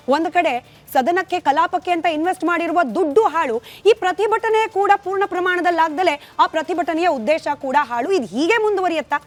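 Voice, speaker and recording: Female news anchor with a Kannada accent and a high voice, firing pointed questions at a debate panel. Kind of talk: scripted news debate intro.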